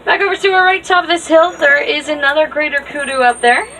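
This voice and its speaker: A woman works as a safari guide, giving live, upbeat tour commentary outdoors on a moving ride vehicle. Her voice is high-pitched, pushed and bright with vocal fry, and she talks fast. The mic is distant and the open vehicle is noisy with passengers.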